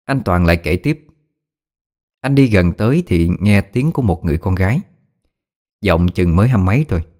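A man's voice: sits low, lively intonation, moderate pace, a little mellow. A man narrating a ghost story in a folksy manner.

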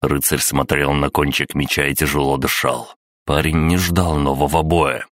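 A man narrating an audiobook in a measured, dramatic manner. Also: a bass voice, level tone, fairly bright tone, no echo, clean studio sound. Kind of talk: scripted narration.

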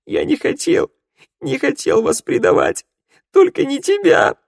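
A man's voice: extremely high pitch, huge pitch swings, a little slow, vocal fry, no room sound, pitched above the performer's own voice, exaggerated voice. A man reading an audiobook and voicing a young male undead who sobs and pleads, full of guilt, in a dry close recording. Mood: sobbing pleading. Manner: sobbing, broken pleading.

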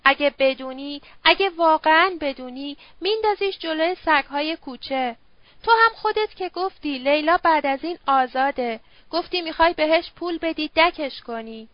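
A woman voicing a drunk, smooth-talking middle-aged male opium user who coaxes and wheedles. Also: high-pitched, no echo, muffled recording, close to an everyday voice. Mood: coaxing. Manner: wheedling, slurred persuasion.

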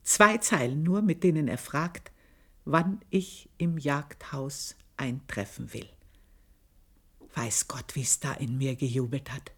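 In a radio play, an actress voices an aging housemaid, bitter and proud after long years in service, who confides her own story with intense scorn. Her bass voice is slow and slightly rough, and the performance is heavily acted.

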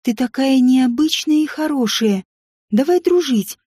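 A woman voicing a lonely, gentle little princess girl who speaks in an earnest, childlike way. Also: high-pitched, animated, a little slow, slightly rough, dry recording, clean studio sound, exaggerated voice. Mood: gentle, delighted.

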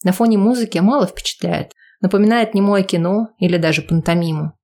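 A woman reading an audiobook with lively, expressive narration. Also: mid-range voice, fairly quick.

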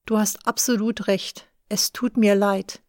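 Frau liest reuiger Onkel im Hörbuch, ruhig, langsam, trockener Klang. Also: female voice, mid-range voice, steady tone, a little slow, dry recording, clean studio sound, close to an everyday voice. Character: remorseful middle-aged uncle, man. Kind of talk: audiobook reading.

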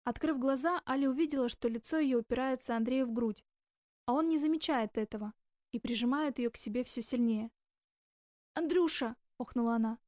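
A woman reading a novel aloud in even, measured scripted narration. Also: sits high, dry recording, clean studio sound. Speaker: audiobook narrator.

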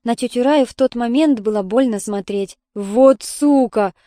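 A woman narrating an audiobook in a steady storytelling manner. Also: a little high, brisk, dry recording, clean studio sound.

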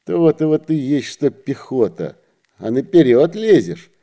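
Man voicing a bossy shouting soldier. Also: medium pitch, big pitch swings, unhurried. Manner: shouting orders, brusque. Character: bossy soldier with sacks, loud and pushy.

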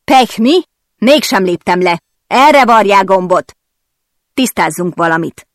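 A woman's voice: medium pitch, expressive, no echo, studio quality, lightly acted. A woman reading a blunt, stubborn male racing driver. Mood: determined. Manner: bitter, blunt, determined.

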